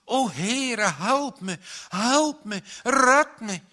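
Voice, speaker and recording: A man's voice: very high voice, animated, very slow, pushed and bright, pitched above the performer's own voice, heavily acted. A man doing a terrified drowning boy. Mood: pleading. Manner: screaming, desperate pleading.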